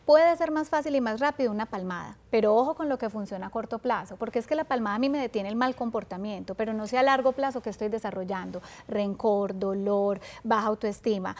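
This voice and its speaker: Colombian woman, parenting expert, calm, raised voice, talk show. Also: on the high side, fast talker, hardly any pauses. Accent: Colombian Spanish. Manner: calm, acts out parent and child lines.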